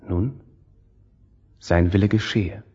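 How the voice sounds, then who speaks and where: A man playing a devout official who calmly accepts his fate in a radio play. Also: low voice, slow, muffled recording. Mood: resigned, devout.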